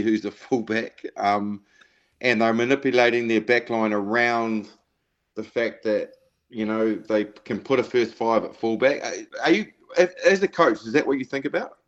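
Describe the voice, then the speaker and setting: A man's voice: medium pitch, highs cut off. A man asking long, casual questions as a panellist on a rugby show. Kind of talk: casual sports interview.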